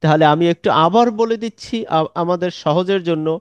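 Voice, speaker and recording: A man's voice: sits high, moderate pace, clear, resonant tone, no echo, dull audio. A man teaching an online Quran recitation lesson, patiently explaining where each letter is pronounced and drilling the sounds one by one.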